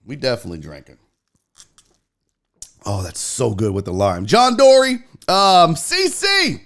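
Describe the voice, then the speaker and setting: A man's voice: medium pitch, big pitch swings, measured pace, a bit bright. A man hosting a casual livestream, greeting viewers in slangy, buddy-like terms with blunt, profane, joking talk. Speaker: livestream host.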